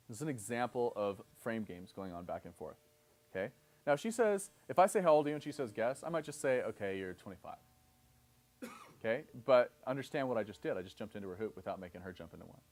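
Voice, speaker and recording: Thirties guy, kinda low voice, running a seminar, plays out little dialogues and keeps asking okay?. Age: 30s. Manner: explains step by step, often checking in with "okay?"; acts out both sides of example dialogues. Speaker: seminar instructor. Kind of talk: live seminar lecture.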